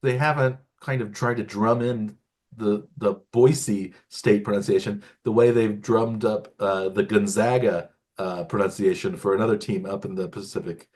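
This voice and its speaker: A man's voice: fairly low pitch, fairly even intonation, normal speed, a little mellow. A middle-aged man co-hosting a sports podcast, rambling through picks with lots of restarts and fillers. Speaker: podcast co-host. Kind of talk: casual sports chat.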